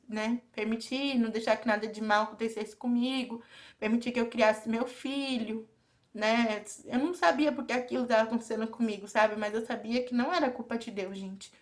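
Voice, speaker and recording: A young woman with a Brazilian Portuguese accent tells a personal story straight to her viewers in a confiding, intimate vlog. Her voice sits a little high, and she keeps pulling the audience in as she talks. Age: young adult. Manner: confiding, often addresses viewers directly. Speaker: vlogger.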